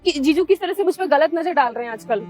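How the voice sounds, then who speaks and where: A woman's voice: sits high, expressive, quick pace, soft background music. A young woman acting a scheming younger sister who pushes her sister's husband to marry her and threatens to frame him. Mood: protesting. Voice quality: sharp, quarrelsome. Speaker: actor in a short skit. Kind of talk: scripted family drama skit.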